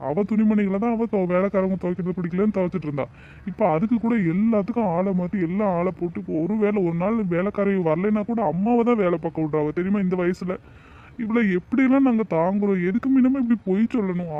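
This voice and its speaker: Brief: man voicing a wronged young husband in a cartoon, high-pitched and rapid, complaining. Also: narrow, tinny audio, natural voice. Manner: complaining, aggrieved, rhetorical questions. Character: exasperated young husband, wronged and self-pitying.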